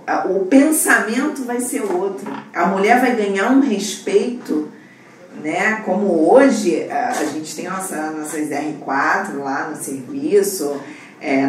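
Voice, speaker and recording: A woman's voice: on the low side, slight background noise. Young Brazilian woman, echoey far-off mic. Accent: Brazilian Portuguese. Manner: animated, acts out quoted voices. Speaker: surgical resident. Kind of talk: casual podcast conversation.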